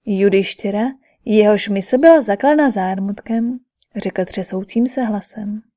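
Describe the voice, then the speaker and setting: A woman narrating a scripted epic audiobook in a measured, even storytelling manner. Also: mid-range voice.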